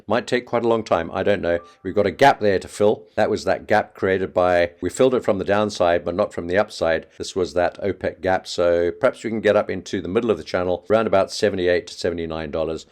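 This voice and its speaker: A man giving a quick, chatty trading market update, talking fast and offhand. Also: low-pitched, darkish tone. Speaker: market analyst.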